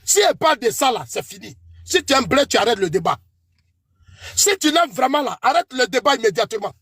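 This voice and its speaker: A man's voice: very high voice, sing-song, brisk, a bit bright, slightly rough, no room sound, clean studio sound. A man with an Ivorian French accent in a heated political debate, accusing his opponent by name and warning him before God. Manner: preachy warnings invoking God.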